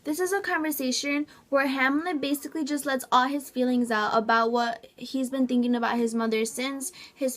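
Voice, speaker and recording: A woman's voice: high voice, fairly bright tone. A woman giving an informal, hesitant student presentation, with many ums and likes. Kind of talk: informal class presentation explaining scenes.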